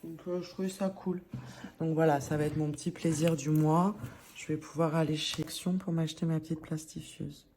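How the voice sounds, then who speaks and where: A woman's voice: sits low, steady tone, moderate pace, mellow, slight background noise. A woman vlogger talking casually to camera about her monthly budget, chatty and a little hesitant, often restarting her sentences. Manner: chatty, talks through her envelopes as she goes.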